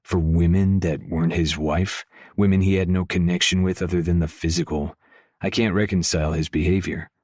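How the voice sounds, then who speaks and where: Man, audiobook narrator, first-person romance, very deep voice, dry studio sound, intimate measured reading. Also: steady tone, darkish tone, dry recording.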